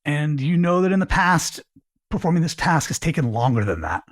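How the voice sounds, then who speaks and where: A man's voice: fairly high pitch, big pitch swings, moderate pace, dry recording, studio quality. A man coaching on career skills, explaining earnestly and acting out example phrasings to show tone. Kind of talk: talking-head career advice.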